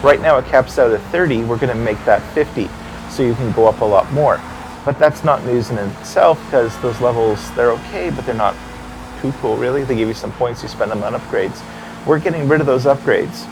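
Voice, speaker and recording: A man's voice: medium pitch, a little fast. Man explaining a game update over hum. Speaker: game developer hosting a livestream. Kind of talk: casual livestream chat. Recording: background hum and noise.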